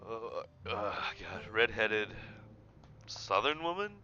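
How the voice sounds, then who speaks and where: A man's voice: fairly low pitch, sing-song, slow, sharp tone, lo-fi sound. A man hosting a video game playthrough, reading the game text aloud and joking with his viewers. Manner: goofy, jokey, talks to chat. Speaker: gaming channel host.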